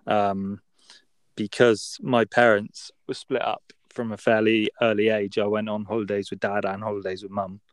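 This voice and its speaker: A man's voice: fairly low pitch, flat delivery, moderate pace, clear, resonant tone, no echo. A young man with a West Country English accent chatting casually and telling anecdotes in informal British slang. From West Country, England. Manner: informal British slang, dragged-out long A vowels. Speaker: podcast speaker.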